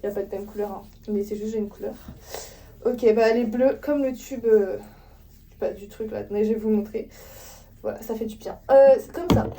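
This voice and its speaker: A woman's voice: mid-range voice, brisk, warm tone, a little hiss or hum. A young woman chatting casually to her viewers at home, rambling with lots of fillers and asides. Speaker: vlogger. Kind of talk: casual vlog chat to viewers. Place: home, indoors.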